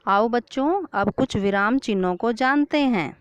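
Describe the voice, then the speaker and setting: A woman's voice: a little high, animated, dry recording. A woman teaching a Hindi grammar lesson to children, asking questions and then answering them herself. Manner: slow, clear classroom explanation. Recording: dull lo-fi sound.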